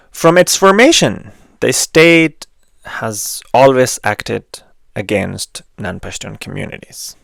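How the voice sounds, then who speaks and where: Slow, gravelly man explaining earnestly. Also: mid-range voice, a bit bright, no echo, studio quality. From Afghanistan. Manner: measured and earnest, pausing with frequent fillers. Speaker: video essay host. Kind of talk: explanatory monologue.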